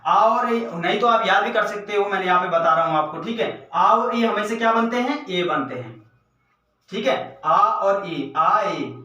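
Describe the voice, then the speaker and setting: A man with a high voice teaches a grammar lesson for exam preparation at a measured pace and in a sharp tone. He keeps asking and answering his own questions and calls the viewers his friends. The room is echoey and the mic sits at a distance.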